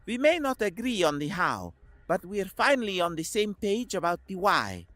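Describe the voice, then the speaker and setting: Earnest female starship officer, reflective, measured, raised pitch, lively swings, dry close sound, voiced by a man, sci-fi audiobook. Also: no room sound. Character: woman starship officer, academy-trained, earnest.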